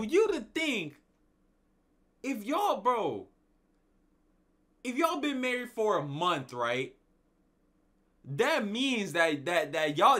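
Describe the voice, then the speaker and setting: A man's voice: high-pitched, pushed and bright. A man giving slangy, laid-back reaction commentary as a streamer, talking at the screen.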